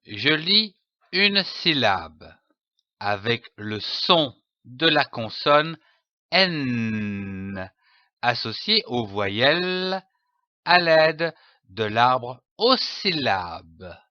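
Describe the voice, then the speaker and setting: Very slow, lively-voiced man teaching reading. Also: mid-range voice, no echo, muffled recording. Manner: spells out letters and sounds deliberately. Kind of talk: slow syllable-by-syllable reading lesson.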